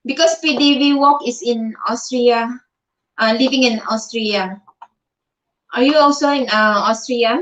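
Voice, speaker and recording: A woman's voice: a little high, unhurried, poor audio. Filipino woman reading viewer comments. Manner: reads out viewer comments, switches between Tagalog and English, laughs often. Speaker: livestream vlogger. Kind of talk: casual livestream chat. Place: in bed at home. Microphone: phone.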